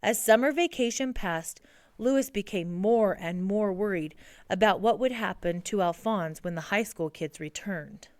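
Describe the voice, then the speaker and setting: A woman narrating a children's picture book in a steady storybook reading. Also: medium pitch, moderate pace, no room sound.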